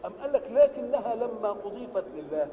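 A man's voice: expressive, fast, background noise. An older man with an Egyptian accent explaining a Quran verse, asking rhetorical questions and answering them himself. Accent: Egyptian Arabic. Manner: uneven loudness, often dropping low. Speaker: religious scholar. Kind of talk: Quranic exegesis lesson. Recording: old lo-fi hall recording with echo.

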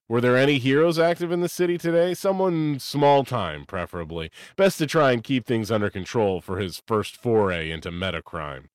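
A man narrating a story expressively, lifting his pitch for emphasis. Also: dry recording, clean studio sound.

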